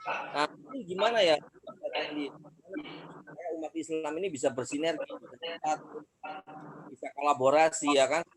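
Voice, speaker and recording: A man's voice: a little high, normal speed, pauses often, slightly rough, poor audio. A man in his forties asking a pleading question on a video call, his glitching audio cutting in and out. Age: 40s. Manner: pleading, repeats "ya kan" and "gitu kan". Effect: glitching audio that keeps cutting out. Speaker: webinar participant asking a question.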